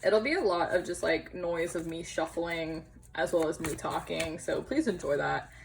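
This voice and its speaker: A woman's voice: on the low side, moderate pace, vocal fry, a little hiss or hum, rough recording. Chatty young woman reading tarot. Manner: chatty, empathetic, lots of fillers and laughs. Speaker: tarot reader. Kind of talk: casual tarot reading to camera. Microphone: camera on tripod.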